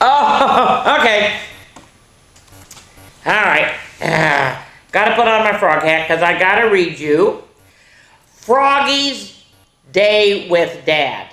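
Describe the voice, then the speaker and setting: A woman reads picture books to young listeners at story time, speaking to them directly and adding casual asides. Her mid-range, fairly bright voice has lively intonation, moving slowly with frequent pauses. The recording carries a roomy echo and faint background noise.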